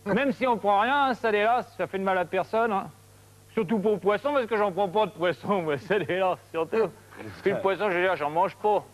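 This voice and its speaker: A man's voice: high voice, normal speed, natural voice. A man doing a muddled rambling fisherman. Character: dim rambling fisherman pupil. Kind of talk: TV comedy sketch.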